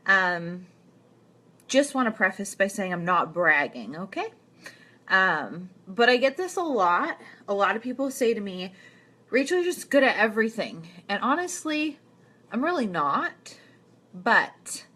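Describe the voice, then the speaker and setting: A woman's voice: medium pitch, bright, forceful tone. A woman in her thirties hosting a casual live stream, chatting in an encouraging way with lots of "um"s. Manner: chatty, filler-heavy, encouraging.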